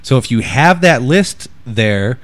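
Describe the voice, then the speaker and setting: A man's voice: mid-range voice, animated, slow, a bit bright. A man chiming in on casual podcast chat with dry ribbing.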